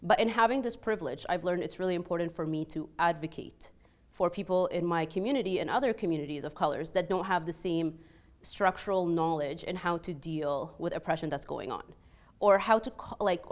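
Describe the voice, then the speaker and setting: A panelist in her thirties who runs a restaurant and studies peace recounts personal experiences in a lowish voice. Originally from Egypt, she has a mild Egyptian Arabic accent over a mostly Canadian sound. Her storytelling is chatty and energetic, peppered with "like" and "you know", and she voices the people she quotes.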